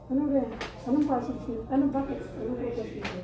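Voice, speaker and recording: A woman's voice: fairly high pitch, quick pace. A woman with a Filipino accent, speaking through a face mask, chatting casually to her viewers as a vlogger in a hospital examination room. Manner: chatty, addresses viewers directly. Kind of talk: casual vlog chat. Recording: echoey room with people talking.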